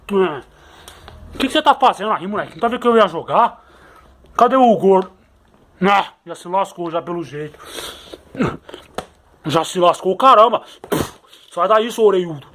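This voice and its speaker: Um homem brasileiro fazendo vozes de carrinhos de brinquedo que discutem, com gírias e xingamentos rápidos. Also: male voice, sits high, a bit bright, a little hiss or hum. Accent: Brazilian Portuguese. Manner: rough slangy bickering, quick insults. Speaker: toy-car skit voice performer. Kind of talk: playful toy-car skit with bickering voices.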